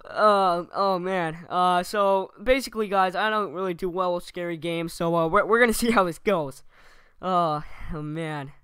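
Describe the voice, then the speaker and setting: A man's voice: high voice, moderate pace, pushed and bright, smooth, no echo, clean studio sound. A man playing a scared horror game streamer, overdramatic and foul-mouthed, with fake panic in a parody Let's Play. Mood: nervous, hyped. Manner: exaggerated screaming, heavy swearing, fake panic.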